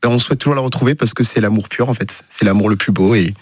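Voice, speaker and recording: Guy in a band doing a casual interview, talks quick, into it, dry studio sound. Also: fairly low pitch, husky, dry recording. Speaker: band musician, interview guest. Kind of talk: casual radio interview chat.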